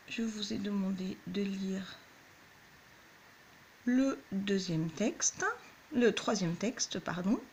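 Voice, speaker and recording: This primary school teacher has a medium-pitched, darkish voice with a slight hiss or hum on the recording. She teaches young children at home, patiently and clearly explaining each step.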